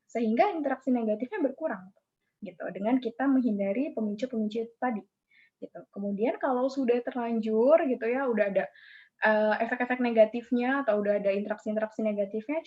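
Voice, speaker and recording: A woman psychologist explaining advice in a relaxed, informal way, often tagging sentences and pausing on small fillers. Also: fairly high pitch. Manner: relaxed, informal, frequent "gitu" tag and "apa namanya" fillers. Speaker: psychologist guest. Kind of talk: casual explanatory advice talk. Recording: dull lo-fi audio.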